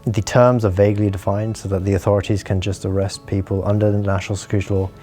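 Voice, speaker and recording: A man's voice: on the low side, flat delivery, fast talker, mellow, soft background music. A man from Hong Kong, interviewed with his voice disguised, explaining things earnestly with frequent restarts. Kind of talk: explaining, measured interview talk.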